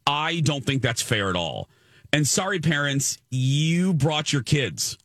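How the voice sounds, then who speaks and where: A man co-hosting a radio call-in show, giving firm opinions in a casual, animated way. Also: on the high side, slow pace, no room sound, studio quality. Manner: animated, opinionated, many restarts. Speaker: radio co-host.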